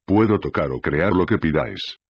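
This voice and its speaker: A man's voice: rumbling low, expressive, normal speed, no echo, muffled recording, exaggerated voice. A man voicing an earnest young musician in an audiobook reading.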